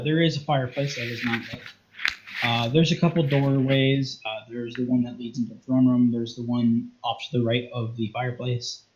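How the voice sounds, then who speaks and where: A man's voice: mid-range voice, darkish tone, a little hiss or hum. A man running a tabletop game as game master, narrating with many fillers and restarts. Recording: muffled lo-fi audio.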